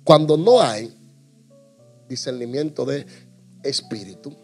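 A man preaching a humorous sermon to his congregation, animated and jokey, acting out little scenes. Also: mid-range voice, slow, soft background music. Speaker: pastor.

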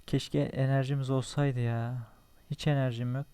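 A young gaming channel host keeps up casual running commentary while playing a survival game, talking to himself, joking and cursing at enemies. His medium-pitched voice is mellow, clear and resonant, with little pitch movement and a moderate pace.

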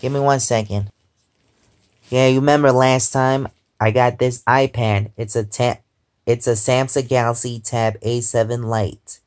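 A twenty-five-year-old man rambles slowly from his bed, his words drawn out and unhurried. His voice is smooth and clear, caught close on a phone just above his face. He keeps circling back with "because, um" as he chats. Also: mid-range voice, fairly even intonation. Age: 20s. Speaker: vlogger. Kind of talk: casual chat. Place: lying in bed at home, indoors. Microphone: phone held close above face.

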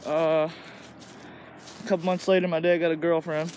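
In a flat, somewhat high and slightly mellow voice, the teenage boy from Illinois talks a little slowly as he walks the woods filming on his phone. His casual vlog chatter is crude and rambling, full of "like," and the audio is noisy.

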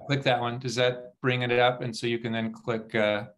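A man's voice: medium pitch, little pitch movement, moderate pace, a bit bright. A man hosting a video call, patiently guiding someone through the controls.

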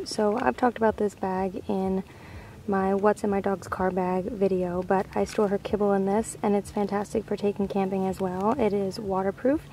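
Young woman vlogger, relaxed chatty delivery, warm gravelly tone, faint outdoor hiss. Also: mid-range voice, poor audio. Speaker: dog owner vlogger. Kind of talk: casual product walkthrough vlog. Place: outdoor campsite.

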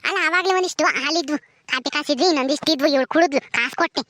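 A woman's voice: high voice, racing, no room sound. A woman playing a poor village mother, scolding her hungry daughter in a village skit. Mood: complaining. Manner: scolding, loud and exasperated. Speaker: actor in a village drama.

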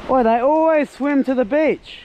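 Excitable high-voiced man outdoors. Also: normal speed, highs cut off. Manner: excitable, exclaims often. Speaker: fishing vlogger. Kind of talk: excited fishing commentary. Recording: wind and boat noise.

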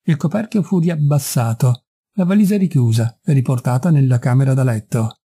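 A man narrating a classic detective story in a measured, even storytelling manner. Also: mid-range voice, husky. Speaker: audiobook reader. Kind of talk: scripted narration.

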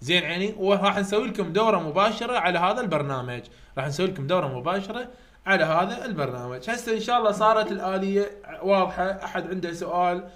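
A man with an Iraqi Arabic accent races through a live online lecture as an English phonetics tutor, his voice high and fairly bright. He is conversational and repetitive, speaking straight to the students.

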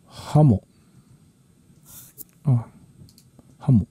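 A musician who hosts his own channel chats about his production work in a relaxed, rambling way, using slangy phrasing and restarting often. His medium-pitched voice is husky, he draws out his words, and there's no room sound.

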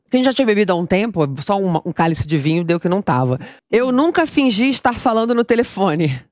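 A woman's voice: mid-range voice, big pitch swings, fast talker, darkish tone, dry recording. A woman hosting a talk show in a studio, teasing her guests with playful questions. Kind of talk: lively studio chat and party game.

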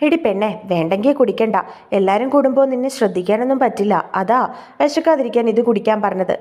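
A woman's voice: a little high, fast, darkish tone, lightly acted. A woman voicing a doting young husband who fusses over his pregnant wife and coaxes her in an audio story. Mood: coaxing.

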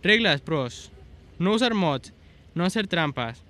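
Young male game host, high and bright tone, rambling casual commentary. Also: very animated, takes it slowly. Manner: chatty, fumbles for words. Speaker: gaming channel host.

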